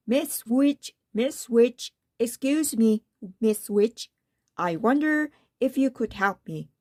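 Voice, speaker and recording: A woman's voice: on the high side, lively intonation, takes it slowly, a little mellow. A woman voicing a polite, earnest young storybook prince with a slightly flustered manner. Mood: pleading, flustered.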